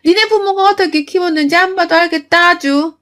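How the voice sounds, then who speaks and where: A woman voicing a harsh, scolding mother-in-law in a storytelling narration, raising her voice into shrill insults. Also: lively intonation, measured pace, a bit bright, exaggerated voice. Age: older. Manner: shrieking, insulting, cutting.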